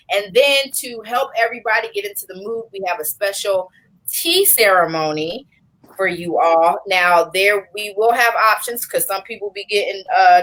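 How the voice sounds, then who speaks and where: A woman co-hosting a casual livestream chat, presenting a retreat schedule in a relaxed, joking way. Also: medium pitch, rough recording.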